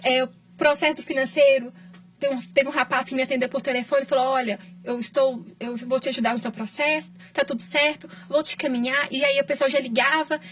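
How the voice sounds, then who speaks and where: A woman's voice: sits high, fairly even intonation, fairly quick, fairly bright tone, far from the mic. A woman with a Brazilian Portuguese accent, a patient guest on a podcast, telling her story in an emotional, affectionate way. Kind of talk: casual podcast chat.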